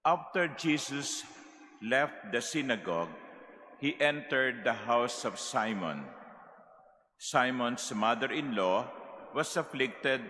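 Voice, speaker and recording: Echoing cathedral reverb, male Filipino priest, bright forceful voice, solemn measured liturgical delivery. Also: medium pitch, expressive. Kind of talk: liturgical Gospel reading and address to congregation. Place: large cathedral. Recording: echoing cathedral, long reverb, background noise.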